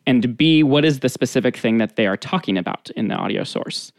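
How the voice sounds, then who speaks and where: A man's voice: mid-range voice, expressive, fairly quick, gravelly, no room sound. A man hosting a podcast over a video call, upbeat and joking as he runs a guessing game. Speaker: podcast host. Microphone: video call setup.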